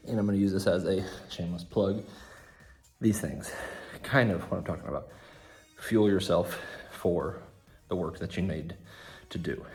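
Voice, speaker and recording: A very deep-voiced man talks straight to camera from his garage gym, giving fitness tips in a relaxed, joking way. He is a bit out of breath and drops in self-deprecating asides. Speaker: fitness content creator. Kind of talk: casual vlog tips to camera.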